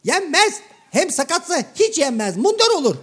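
Hacivat, shrill fussy gentleman. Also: very animated, moderate pace, full character voice. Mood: exasperated. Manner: fussy, formal and increasingly exasperated. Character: Hacivat, prim exasperated educated gentleman, male. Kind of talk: comic shadow-play sketch.

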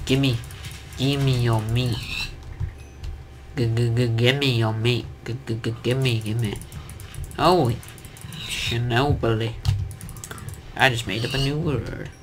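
A young man giving casual, jokey commentary on his own gameplay, chatting to himself and his viewers. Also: medium pitch. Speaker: gaming commentator. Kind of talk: casual let's-play commentary.

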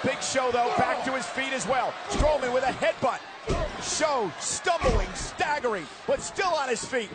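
A man's voice: extremely high pitch, animated, a little slow, over loud music. A man giving live wrestling commentary as play-by-play announcer, calling the action with dramatic emphasis. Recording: loud arena noise behind the voice.

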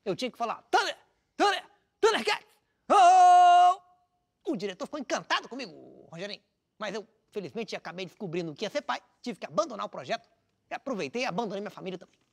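A man's voice: extremely high pitch, sing-song, fairly quick, vocal fry, exaggerated voice. An actor playing a pompous, self-assured Brazilian driver who is also a father, and who takes offense easily. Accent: Brazilian Portuguese. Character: self-important male driver, a father, Renan.

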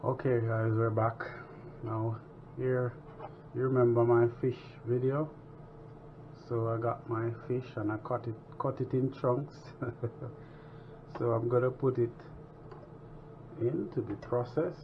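A man's voice: medium pitch, slow, pauses often. A man hosting a home cooking tutorial in his kitchen, talking casually as he works. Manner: relaxed, chatty, talks while working. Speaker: home cooking show host. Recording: dull lo-fi sound with kitchen noise.

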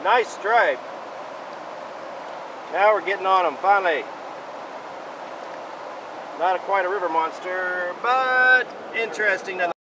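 Man, playful fishing-show narration, fairly high voice, outdoors, rushing river water behind. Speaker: cameraman and host of a home fishing video. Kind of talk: casual outdoor commentary. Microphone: handheld camera mic. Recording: outdoor camera audio with clear river noise. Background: rushing stream water.

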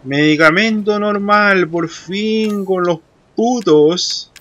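Brief: male horror gamer, high-pitched, cursing, screams when spooked. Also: slow, fairly bright tone. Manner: swears a lot, shrieks in panic when scared. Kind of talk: horror let's play commentary.

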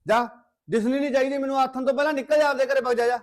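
A man's voice: extremely high pitch, steady tone. An actor playing a hot-tempered young man who scolds his sister in a family drama. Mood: angry. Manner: shouting, scolding, rapid. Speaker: angry brother in a family drama. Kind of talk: Punjabi short film acting.

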